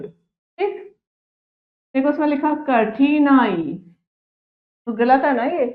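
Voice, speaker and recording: A woman's voice: on the high side, roomy sound, phone-quality sound. A woman teaching a Hindi grammar lesson to children, patiently repeating each word twice and asking questions back to the class.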